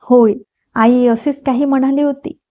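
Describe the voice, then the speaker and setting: A woman's voice: high-pitched, fairly even intonation, a little slow, dark tone. A woman voicing a polite, cheerful young woman visiting a family. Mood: friendly. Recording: dull lo-fi recording.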